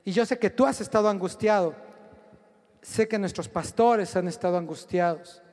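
A male preacher delivers a lively, joking sermon and keeps calling on the congregation to respond. His voice sits very high for a man. A long reverb from the large hall trails behind every phrase. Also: normal speed.

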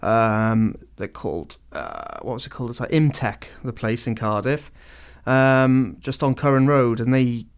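A man talks casually on a radio show. He stops and restarts often as he searches for what to say, but his voice stays smooth and resonant. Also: mid-range voice, animated, measured pace, few pauses. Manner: hesitant, many ums and restarts.

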